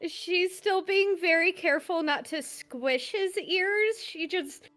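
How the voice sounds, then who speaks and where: A woman player joking deadpan in a mock sales pitch during a tabletop game. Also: takes it slowly, soft background music.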